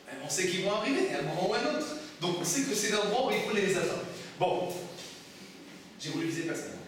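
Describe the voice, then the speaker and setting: Man, rabbi giving a class, high voice, emphatic rhetorical questions, very echoey, distant mic. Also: very animated, a little fast. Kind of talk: lively Torah class with questions to students. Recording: echoey room, from far off, faint noise.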